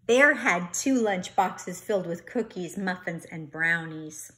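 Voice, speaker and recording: A woman reads a picture book aloud to young children like an expressive, instructive teacher, asking questions and repeating key words. Her voice is fairly low in pitch, and she speaks a little slowly.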